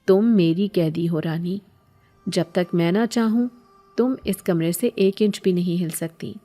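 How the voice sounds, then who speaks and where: A woman voicing a possessive male jinn who speaks in a low, menacing way and roars when angry, in a horror story. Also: warm tone, faint music behind, natural voice.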